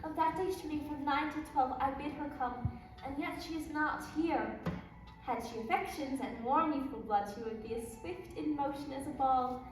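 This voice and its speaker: A teenage girl plays an eager young girl in love, pressing impatiently for news. her very high voice comes from far across the stage and rings through a large echoing hall with faint background noise. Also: moderate pace, music in the background, natural voice. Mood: longing. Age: teens. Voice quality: eager, pleading delivery. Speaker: student actor. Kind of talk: school stage play. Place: school auditorium stage. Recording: echoey hall, distant mic.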